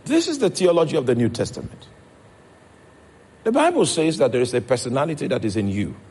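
Husky Nigerian preacher. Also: male voice, medium pitch, very animated, fairly quick, a little mellow. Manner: preaching, checks in with the congregation. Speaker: pastor. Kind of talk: sermon.

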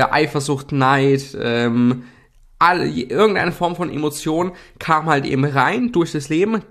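A young man with a slightly high voice talks casually through a self-help lesson as he sketches. He uses slang, repeats himself and drops fillers. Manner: relaxed, slangy, many fillers and repetitions. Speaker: self-help video host. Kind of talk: casual explanatory talk while drawing slides.

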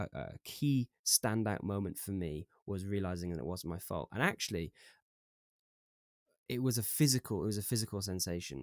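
Low-voiced Welsh man, reflective and candid. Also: no room sound, studio quality. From Wales. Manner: reflective and open, many "like" fillers, halting restarts. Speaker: podcast guest. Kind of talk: candid conversational storytelling.

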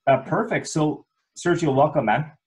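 A man's voice: on the high side, animated, moderate pace, poor audio. A man hosting a podcast interview, upbeat and chatty, often restarting his sentences. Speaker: podcast host. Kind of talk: casual interview chat.

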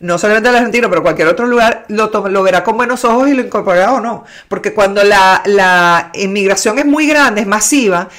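A woman's voice: medium pitch, brisk, hardly any pauses, fairly bright tone. A Venezuelan woman in casual chat, rambling and restarting her sentences. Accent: Venezuelan Spanish. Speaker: conversation partner.

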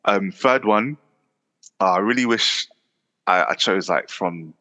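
Laid-back deep-voiced Englishman, roomy sound. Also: slow pace, bright, forceful tone. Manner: rambling, filler-heavy, laughs often. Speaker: podcast co-host. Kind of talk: casual football chat.

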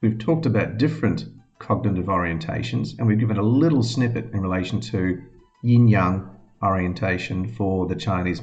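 A man's voice: low voice, a little mellow. A man hosting a podcast, summing up a discussion in orderly, structured sentences. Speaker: podcast host wrapping up the discussion. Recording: dull lo-fi sound with music behind.

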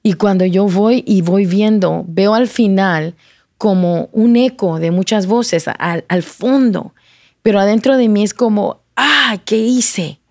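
A woman telling a personal testimony in a conversation, emotional and halting, restarting words and slipping into English. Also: mid-range voice, dark tone, no room sound, clean studio sound. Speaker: guest sharing testimony.

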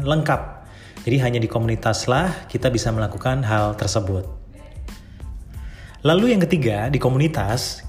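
A man hosting a podcast, talking to listeners in a chatty, upbeat way with fillers and rhetorical asides. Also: medium pitch. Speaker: podcast host. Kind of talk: casual podcast talk.

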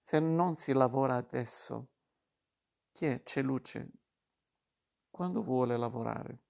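A man reading the lines of a sly young woman who models for a painter, in a storybook, soft and flat. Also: mid-range voice, slow, vocal fry. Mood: coaxing.

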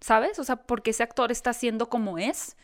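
A woman's voice: on the high side, normal speed. A Mexican woman who interviews actors, chatting casually and animatedly, often correcting herself mid-sentence. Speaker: entertainment interviewer. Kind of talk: casual podcast chat.

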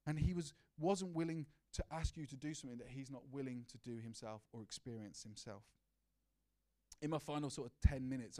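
A man's voice: medium pitch, a little mellow. A man preaching a sermon in an earnest, personal way, asking the congregation questions and sharing his own story. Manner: earnest, personal, with many restarts and rhetorical questions.

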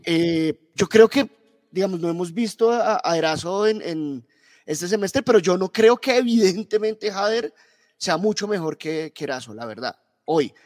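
A man giving casual football analysis, halting and repeating words as he thinks. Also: high-pitched, expressive, darkish tone, long reverb tail. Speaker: football pundit.

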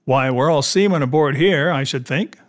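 A male narrator acts out an eager young deckhand among pirates. His sailor talk is plain and fairly high for a man, in audiobook style. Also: normal speed, natural voice. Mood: indignant. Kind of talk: dramatised adventure audiobook.

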